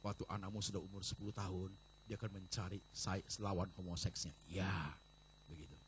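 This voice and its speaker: A male pastor preaching a lively sermon to a congregation, acting out voices of church members and slipping in English phrases. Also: low voice, a little fast, slight background noise. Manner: animated preaching, acts out congregants, mixes in English. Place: large church.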